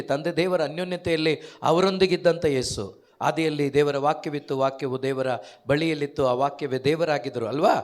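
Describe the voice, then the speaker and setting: A man preaching an emphatic sermon, firing off rhetorical questions and calling out hallelujahs. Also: a little high.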